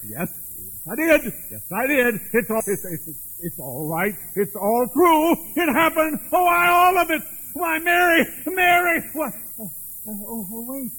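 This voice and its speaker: Old miser turned giddy and joyful, played by a man. Very high, slow and drawn-out delivery. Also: very animated, sharp tone, heavily acted, low-quality recording. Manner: pleading, then overjoyed and breathless with laughter.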